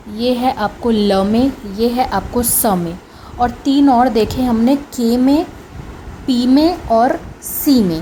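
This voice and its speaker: A woman's voice: on the high side, warm tone, a little hiss or hum, rough recording. A woman teaching phonics in a casual spoken lesson, saying each sound several times over.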